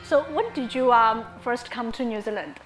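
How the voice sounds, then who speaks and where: A woman's voice: on the high side, normal speed, faint music behind. A woman whose first language is Chinese, asking an interviewee questions politely with slight hesitations. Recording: echoey room with faint noise.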